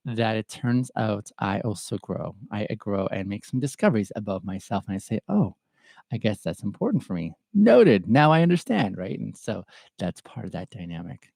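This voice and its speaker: Gravelly, mellow-voiced man hosting reflectively. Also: fairly low pitch, very animated, no room sound. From Ethiopia. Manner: thoughtful and halting, with pauses and fillers. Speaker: podcast host answering viewer questions. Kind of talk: reflective solo livestream talk.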